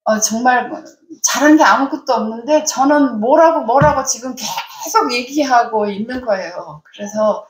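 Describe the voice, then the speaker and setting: A woman in her fifties, a church deaconess, telling a personal faith testimony in an animated way and laughing often. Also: a little high, moderate pace, hardly any pauses. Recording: roomy echo.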